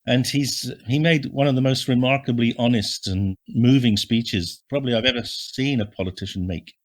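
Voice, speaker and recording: Older man, from Bristol, podcast host, friendly probing questions, mid-pitched voice. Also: moderate pace. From Bristol, England. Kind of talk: interview hosting.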